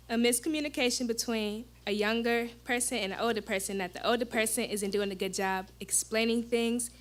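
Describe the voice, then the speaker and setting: A woman delivering a reasoning, questioning monologue on stage. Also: fairly high pitch.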